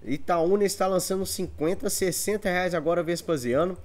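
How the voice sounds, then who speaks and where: Higher-voiced Brazilian man calling an auction. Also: moderate pace. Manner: repetitive auction patter with bids and counts. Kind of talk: live online auction calling. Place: indoor room full of antiques.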